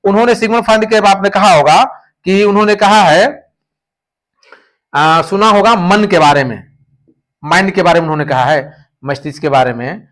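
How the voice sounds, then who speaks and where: A man's voice: sits high, normal speed, pauses often, fairly bright tone. A male teacher giving a classroom lecture, explaining points through stories and repeating the key terms.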